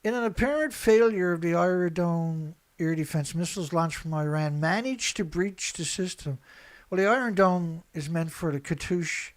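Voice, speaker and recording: His voice a little high, a man hosts unscripted online news commentary, reading headlines aloud and reacting with blunt, emphatic, colloquial opinions full of repetition.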